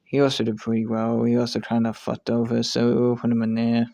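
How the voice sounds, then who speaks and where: Casual male vlogger who thinks aloud, swears offhandedly and restarts a lot. Mid-pitched, smooth tone, dry close sound. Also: monotone, a little fast, warm tone, dry recording. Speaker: video creator ranking show contestants. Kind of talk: casual commentary while making a tier list.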